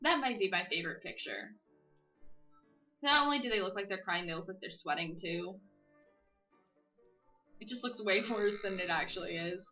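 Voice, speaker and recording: A woman with a bright, crisp voice reads a story game's narration and dialogue aloud. She cracks jokes between lines and stretches out key words for comic effect. Faint game music plays beneath her. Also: mid-range voice, low-quality recording. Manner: playful, drawls dialogue slowly for comic emphasis. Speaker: let's play host. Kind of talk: reading a visual novel aloud with casual commentary.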